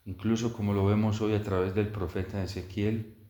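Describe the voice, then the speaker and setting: A man, a priest, celebrating Mass and preaching a homily in slow, measured phrases, heard with an echoey church reverb. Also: lowish voice, little pitch movement, dark tone. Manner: slow, measured preaching with long pauses, rising in intensity.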